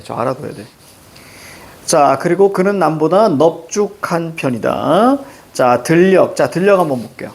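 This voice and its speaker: A man's voice: a little high, gravelly, darkish tone, slight background noise. A man teaching a classroom grammar lesson, walking through pronunciation rules step by step.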